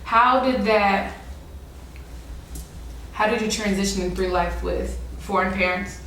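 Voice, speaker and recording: A woman hosting an interview, asking relaxed, slangy questions. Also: medium pitch, a little slow, distant mic, slight background noise. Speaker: interview host. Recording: echoey room, off-mic.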